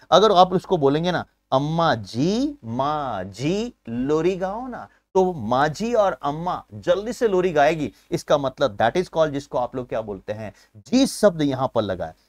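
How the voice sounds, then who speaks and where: Energetic coaching teacher, dry sound. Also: male voice, fairly high pitch, no echo. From India. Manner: energetic, uses memory tricks and asks himself questions; keeps addressing viewers as friends. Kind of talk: live online exam-prep class.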